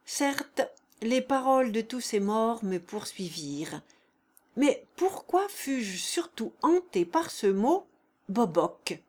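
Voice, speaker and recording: A woman narrating a story as an audiobook, in an expressive, measured way. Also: a little high.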